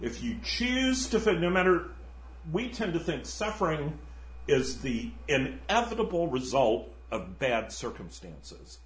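A man giving an informal lecture in an animated, digressive way, often laughing at his own asides. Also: fairly high pitch, a little slow. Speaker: teacher. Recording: roomy echo with faint ambience.

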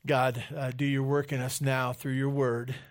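A man's voice: mid-range voice, flat delivery, moderate pace. A man preaching a sermon into a pulpit microphone in a church, speaking earnestly and reading scripture aloud. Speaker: pastor. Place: church sanctuary.

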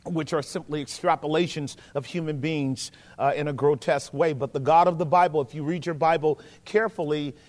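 A man preaching a Sunday sermon like in a cathedral, emphatic and deliberate, checking in with his listeners through rhetorical questions. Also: on the high side. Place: large reverberant indoor hall, preaching to congregation. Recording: long echoing reverb of large hall.

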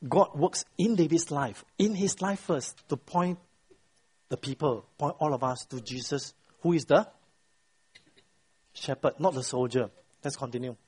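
Middle-aged male Bible teacher with a high, slightly raspy voice. He keeps quizzing the class. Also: a little slow, pauses often. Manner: quizzes the class, constant "right?" tag questions; retells the story with lively voiced quotes. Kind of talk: interactive Bible lesson to a class.

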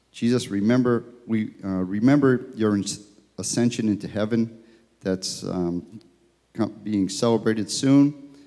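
Male church elder with a low, warm voice, praying in a big church with a cathedral echo. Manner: steady, measured, reverent. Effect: long cathedral-like echo. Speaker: church elder leading prayer. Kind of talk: spoken congregational prayer. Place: church sanctuary. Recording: long reverb of a large church hall.

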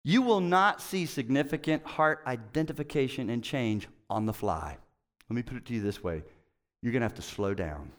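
A middle-aged man preaching a conversational sermon as pastor, telling stories animatedly and acting out quotes with sudden jumps in pitch. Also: animated, normal speed. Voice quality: hard of hearing.

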